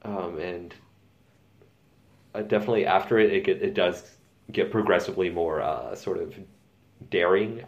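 A man's voice: low voice, normal speed, long pauses, highs cut off. A man co-hosting a casual music podcast, rambling with many fillers and little laughs. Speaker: podcast co-host.

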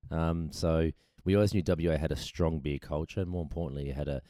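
A man with an Australian accent and a very deep, mellow voice. He chats as an enthusiastic podcast guest, telling casual stories in a dry-sounding space. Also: fairly even intonation, fast, dry recording. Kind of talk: casual chat, anecdotes. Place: at a kitchen table indoors.

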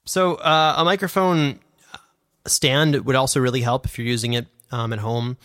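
Close on a condenser studio microphone, a podcast host and audio drama producer explains things in a casual, enthusiastic, self-deprecating style. His mid-range voice is steady, fairly bright and moderately paced, and the recording is dry.

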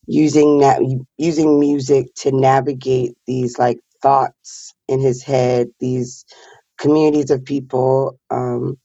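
A guest with a raspy morning voice answers slowly and thoughtfully, pausing with fillers while searching for words. The tone is dark and mellow, heard over a dull, muffled lo-fi line. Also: medium pitch, no echo. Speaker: performer and guest. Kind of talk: reflective interview answers.

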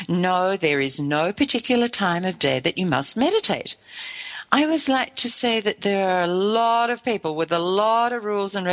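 A woman's voice: on the low side, fairly bright tone. A woman hosting an informal instructional talk on her own, emphatic and reassuring. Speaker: meditation teacher and host. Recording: long reverberant echo.

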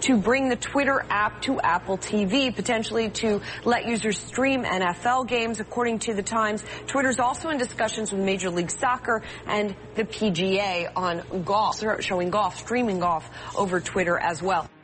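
A woman's voice: mid-range voice, normal speed, hardly any pauses, a bit bright, a little hiss or hum, low-quality recording. A woman giving a business news report as a television reporter.

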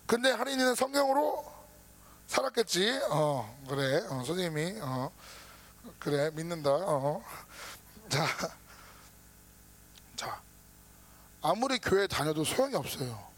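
A man preaching a casual sermon to a youth group, lively and informal, acting out his listeners' worries. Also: a little high, slow pace, long pauses. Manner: lively, talks down to students casually, acts out their worries. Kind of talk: sermon to teenagers.

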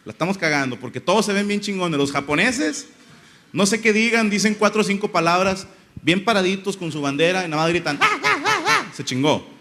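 A young man rambles through a stand-up monologue, crude and full of slang. His voice sits fairly high and sounds bright and forceful. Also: animated, fairly quick. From Monterrey, Mexico. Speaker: comedian.

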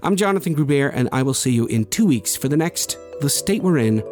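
A man hosting a radio show, telling a first-person story in a measured, expressive way and raising his voice at the tense moments. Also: mid-range voice, soft background music.

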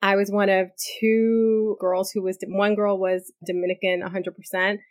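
A New York City woman in her thirties, a corporate lawyer, candidly tells her life story as an interview guest. Her medium-pitched voice moves at a moderate pace with no room sound, and her lively, conversational answers are full of "likes" and asides.

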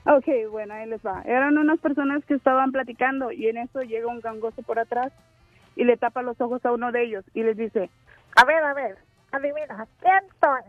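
A woman's voice: a little high, steady tone, fast talker, no room sound, soft background music. A woman calling into a radio show to tell a joke, shy and polite, heard over a phone line. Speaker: radio caller.

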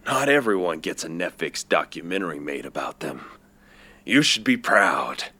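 Deep, deadpan man. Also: moderate pace, husky.

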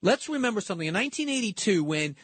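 A man's voice: high-pitched, very animated, very fast. A man co-hosting a political talk show, arguing emphatically and repeating words as he builds each point.

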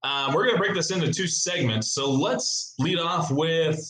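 A man hosting a casual sports podcast, relaxed and chatty, laughing often and wandering into asides. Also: on the high side, moderate pace, echoey room, low-quality recording. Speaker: podcast host.

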